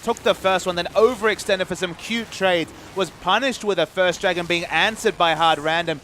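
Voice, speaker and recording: Male esports caster, analytical reads, slightly raised pitch, light arena ambience. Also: normal speed, a bit bright, slight background noise. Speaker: esports commentator. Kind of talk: play-by-play esports commentary.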